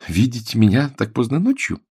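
Guy putting on a feisty young woman, higher husky voice, snaps back fast, bounces around a lot. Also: wildly swooping pitch, no echo, studio quality, exaggerated voice. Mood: puzzled. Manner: sharp, exasperated retorts. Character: spirited young woman, quick-tempered heiress.

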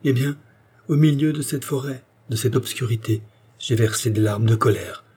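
Brooding aristocratic officer, read by a man, steady and mellow. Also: medium pitch, normal speed, breathy edge, close to an everyday voice. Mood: melancholy. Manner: calm, firm and melancholy. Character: grave, brooding nobleman officer, male, middle-aged.

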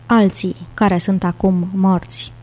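A menacing, violent giant of a monk in an audiobook, voiced by a woman narrator. He issues cold, slow threats in a mellow tone at a middle pitch. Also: flat delivery, lightly acted.

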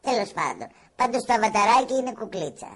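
A woman's voice: on the high side, animated. A woman radio host with a Greek accent, giving playful, theatrical commentary in a teasing, mock-judging manner. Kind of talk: casual on-air commentary.

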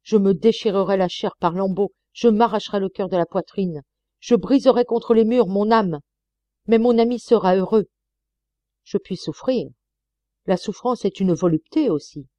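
A woman's voice: medium pitch, moderate pace, mellow, no echo, lo-fi sound, close to an everyday voice. A woman reading an anguished male painter. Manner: impassioned, exclamatory.

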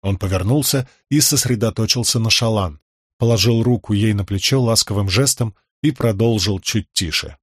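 A male audiobook narrator with a low, husky voice reading in a steady, measured way. The recording is close and dry, with no room sound. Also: no echo. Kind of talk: scripted narration.

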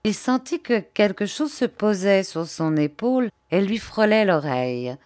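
A woman reading a fantasy novel aloud as an audiobook, in a measured, expressive narration. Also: medium pitch, dry recording, studio quality. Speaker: audiobook reader.

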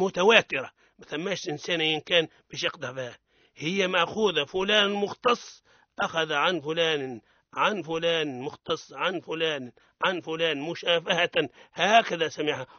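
A man with a Tunisian accent teaching Quran recitation on the radio, explaining rules and chanting verses slowly for learners to repeat. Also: medium pitch, bright, forceful tone, no echo, muffled recording. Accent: Tunisian Arabic.

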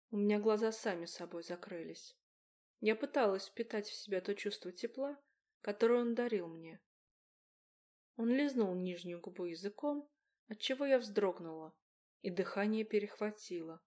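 A woman's voice: medium pitch, normal speed, darkish tone. A woman narrating a romance audiobook in the first person, in an intimate, confiding storytelling voice.

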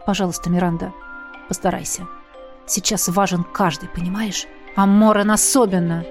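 A woman voicing a calm, commanding man who talks in a low, hushed, coaxing way. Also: moderate pace, faint music behind, close to an everyday voice.

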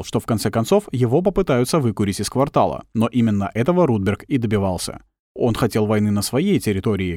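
A man of medium pitch narrates an audiobook from a script, telling the story in a measured, expressive way. The recording is dry, with clean studio sound.

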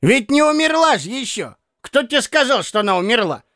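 In a full character voice pitched far above his natural one, a male audiobook narrator plays a fussy, bumbling old man, stammering, correcting himself, and cackling. The delivery is very high, very animated, fairly quick, and sharp in tone, captured in studio quality without echo.

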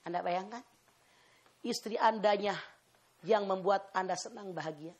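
A woman preacher telling a story in a sermon, emphatic and building her points by repetition. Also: on the high side.

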